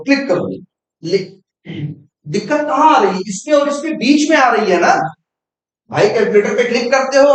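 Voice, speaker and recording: Young male coding tutor, very high voice, quizzes and answers himself, echoey room. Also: a bit bright, slight background noise. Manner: explains with rhetorical questions he answers himself. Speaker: programming teacher. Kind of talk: informal coding lesson.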